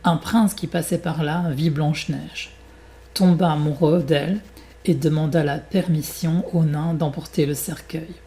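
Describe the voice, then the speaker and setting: A man with a French accent, teaching French by reading a fairy tale aloud and then walking learners through exercises slowly and deliberately. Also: a little high, steady tone, mellow.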